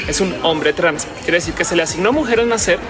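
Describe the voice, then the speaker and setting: A man's voice: high voice, fairly quick. A man in his thirties with a Mexican accent, a YouTuber interviewing a guest in a playful, joking way. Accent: Mexican Spanish. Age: 30s. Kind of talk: casual interview. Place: indoors, large stone-walled public building.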